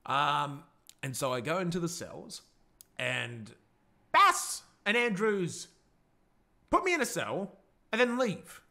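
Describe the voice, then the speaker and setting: A man telling a wild story in character, excitable and swearing a lot, often bursting into shouts. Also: fairly high pitch, takes it slowly, gravelly, pauses often.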